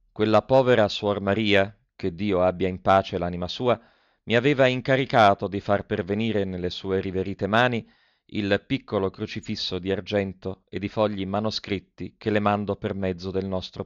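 A cautious old nun writing in ceremonious, careful phrases, read by a man in his own low voice. The delivery is measured and formal, on a dry, close recording that sounds dull and muffled. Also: fairly even intonation, smooth, no room sound, close to an everyday voice. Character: elderly nun, cautious, formal letter writer. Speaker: audiobook reader. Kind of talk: reading a formal letter aloud.

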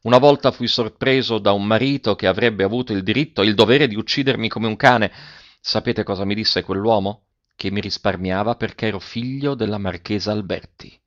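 A man reading an audiobook voices a world-weary man in his forties who speaks with calm, bitter irony, on a dull lo-fi recording. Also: fairly low pitch, a little fast, lightly acted. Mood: somber. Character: bitter, ironic forty-year-old man, world-weary.

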